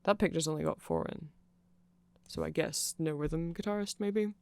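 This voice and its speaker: A content creator rambles informally through an ASMR-style explainer, dropping opinions along the way. The mid-pitched voice has a noticeable creak and a slightly mellow quality, moving at normal speed, recorded close and dry with no echo.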